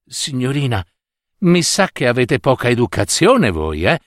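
A man voicing a gentle fairy disguised as an old woman in a storybook reading, calm and unhurried. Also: mid-range voice, no room sound, clean studio sound. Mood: calm stern.

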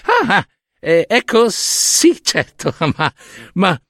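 A man voicing a fawning, insincere queen goddess who stammers and gushes in a high, shrill voice. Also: wildly swooping pitch, slow pace, fairly bright tone, no room sound, clean studio sound, full character voice. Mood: gushing.

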